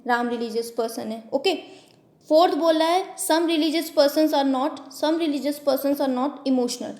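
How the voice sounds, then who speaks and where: A woman coaching-class teacher explaining exam questions at a whiteboard. She reads English statements out slowly and then explains them in Hindi. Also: sits high, mellow. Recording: echoey room.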